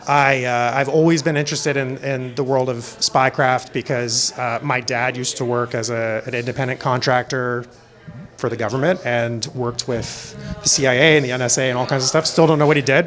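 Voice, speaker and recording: A middle-aged American film director from Florida appears as an interview guest, chatting casually in panel talk and sharing personal stories. His medium-pitched voice is steady and a bit bright at normal speed.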